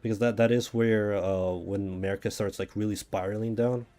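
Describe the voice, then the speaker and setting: Streaming a game, a man from Brazil rambles and thinks out loud in casual chat, his Brazilian accent reflecting his native Portuguese. His voice is lowish, dark, and steady, and he talks a little fast. Faint music plays behind him.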